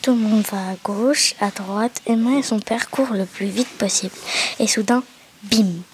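A woman's voice: mid-range voice, normal speed, a little mellow, a little hiss or hum. A young female student reading her adventure story aloud, partly in near whispers.

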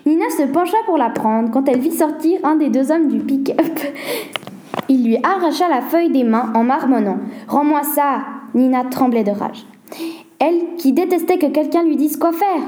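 A woman reading a children's mystery story aloud as a steady, even narrator. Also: high voice, moderate pace.

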